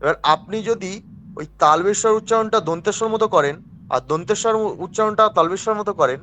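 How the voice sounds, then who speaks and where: A man teaching a class on priestly rites, explaining slowly, repeating key syllables and asking the class questions. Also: sits high, bright, forceful tone, slight background noise. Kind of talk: classroom lecture.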